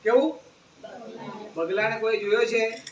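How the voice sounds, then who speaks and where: A man giving an animated moral talk to schoolchildren, often asking them questions. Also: high voice, unhurried, dull audio, very noisy. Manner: animated, asks the children questions. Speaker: speaker addressing schoolchildren. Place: school gathering. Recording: echoey room, distant mic, faint ambience.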